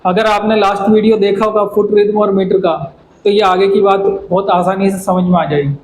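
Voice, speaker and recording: A man's voice: high voice, level tone, fairly quick. A man teaching a poetry lesson in Hindi mixed with English, patient and repetitive, breaking lines down word by word. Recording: echoey room with faint background noise.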